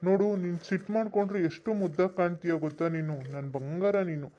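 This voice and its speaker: A man's voice: high voice, fast talker, dark tone, natural voice. A cocky village flirt, voiced by a man, who sweet-talks. The sound is dull and lo-fi, as in a cartoon dub. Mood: pleading. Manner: wheedling, sweet-talking.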